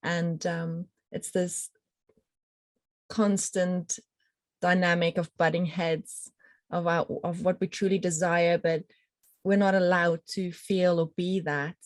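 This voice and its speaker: Thoughtful woman talking, kinda low voice, dry close mic. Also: flat delivery, dry recording. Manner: reflective, empathetic, thoughtful pauses. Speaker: podcast co-host. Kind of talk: casual spiritual conversation.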